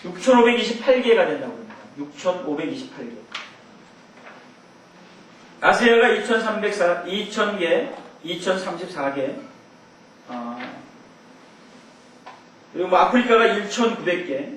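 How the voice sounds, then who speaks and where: A man's voice: high voice, animated, moderate pace, far from the mic, slight background noise. A middle-aged man teaching a Bible class in a church hall, in a conversational way with rambling asides. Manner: conversational, rambling asides with chuckles and mimicked shouts. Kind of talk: Bible lecture.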